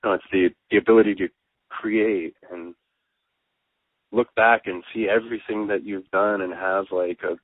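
A male interviewer with a lowish voice asks casual questions, stopping and restarting mid-sentence as he feels his way. His voice is dry and close, with no room sound, and comes through a narrow, phone-like band. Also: fairly even intonation, moderate pace, no echo.

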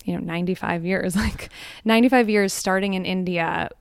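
Woman talking candidly about her life, fairly low voice, dry close sound, lots of ums. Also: steady tone, fairly quick, creaky, clean tone, no echo. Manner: reflective and open, many soft ums. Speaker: guest on the hot seat. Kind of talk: candid personal storytelling. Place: live event before a small audience.

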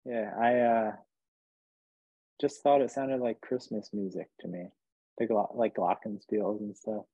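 A husky-voiced man from New Jersey talks in a loose, rambling way, joking and filling gaps with fillers. His voice comes through thin and tinny, like a phone line, with no room sound at all. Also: lowish voice, fairly even intonation, a little slow, dark tone, no room sound. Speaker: musician guest. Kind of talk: casual interview chat.

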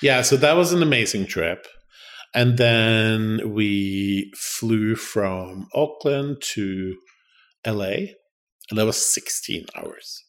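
A man's voice: lowish voice, slow pace. Chatty man telling travel stories. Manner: animated storyteller, acts out voices in quotes. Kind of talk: casual storytelling chat.

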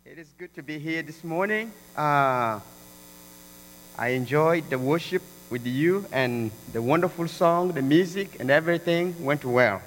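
A man's voice: fairly high pitch, expressive, a little slow, fairly bright tone. Earnest South Sudanese-born man in a church. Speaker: guest speaker. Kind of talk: church testimony. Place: church sanctuary. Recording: long hall reverb, faint mains hum.

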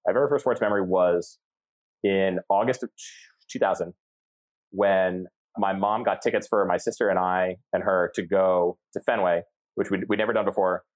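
A man's voice: low voice, fairly even intonation, normal speed. A man around thirty from central Massachusetts, a podcast guest telling stories in a rambling, casual way with many restarts. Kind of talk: casual conversational storytelling.

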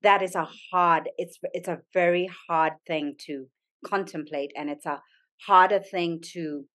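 A middle-aged Zambian woman who owns a yoga studio appears as a podcast guest in a reflective conversational interview. Her lowish, fairly bright voice stays steady at a measured pace, and she speaks earnestly and thoughtfully, frequently restarting.

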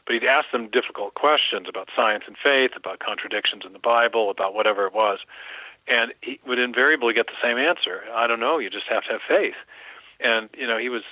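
A man speaking as an interview guest, in a measured, professorial storytelling manner. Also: medium pitch, dry recording, lo-fi sound. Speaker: guest author. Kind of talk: interview conversation.

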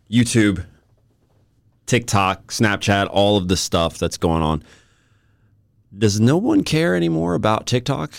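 A man's voice: deep voice, vocal fry, no echo. A young man hosting a solo podcast from a studio, rambling and joking at himself in an irreverent way. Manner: rambling, irreverent, self-mocking. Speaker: podcast host. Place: recording studio. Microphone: studio microphone.

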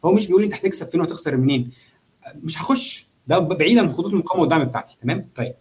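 Very fast-talking Egyptian man, explaining. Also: fairly high pitch. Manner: animated explainer, often checking with the listener. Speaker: trader demonstrating chart analysis. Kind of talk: casual live walkthrough of a trading simulation.

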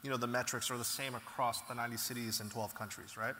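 A man being interviewed as a company founder, telling stories in an animated, casual way with frequent restarts. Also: medium pitch, quick pace, slight background noise. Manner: animated storytelling, frequent restarts and "you know". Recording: echoey hall with long reverb.

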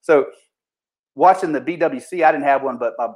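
On poor audio, the police officer's voice is on the high side and a little mellow, at normal speed. He tells the shooting story casually and bluntly, swearing a lot, restarting sentences, and voicing people's words loudly.

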